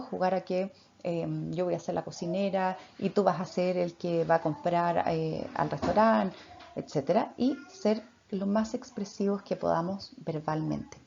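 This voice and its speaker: Woman therapist, warm gravelly tone, explains patiently, slightly dull recording with faint noise. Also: fairly low pitch. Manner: explanatory, checks in often with tag questions. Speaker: speech therapist. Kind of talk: talk giving parenting advice.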